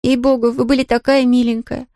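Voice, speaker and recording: A woman reading an audiobook, putting on the voice of a cheerful, eager little girl who talks brightly and pleads sweetly. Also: a little high, steady tone, fast talker, dry recording, studio quality, voice pushed up, close to an everyday voice. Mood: pleading.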